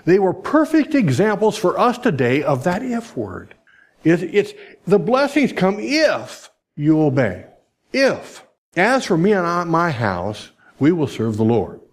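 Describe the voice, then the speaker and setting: A male pastor preaching a sermon in a conversational way, his voice climbing for emphasis and dropping low and soft for reflective points. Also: huge pitch swings, measured pace. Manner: conversational preaching with restarts and asides.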